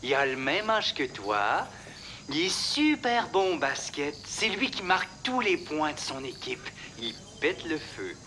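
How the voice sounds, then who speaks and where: A man's voice: a little high, very animated, measured pace, bright, forceful tone, slight background noise, exaggerated voice. A sly impostor father with a Quebec accent. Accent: Quebec French. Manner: cold, prying, with sudden bursts of forced cheer. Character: impostor posing as a distant, pushy father. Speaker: father on a webcam call. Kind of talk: web drama acting.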